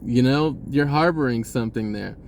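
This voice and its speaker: A spiritual vlogger gives a laid-back, rambling talk, often restarting sentences and chuckling here and there. His mid-range voice is a little mellow and moves at a moderate pace. There's slight background noise.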